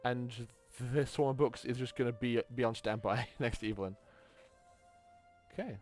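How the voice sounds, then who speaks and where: A man's voice: mid-range voice, moderate pace, a little mellow, faint music behind. A man narrating as game master, often stumbling and restarting his words. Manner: stammering, frequent restarts.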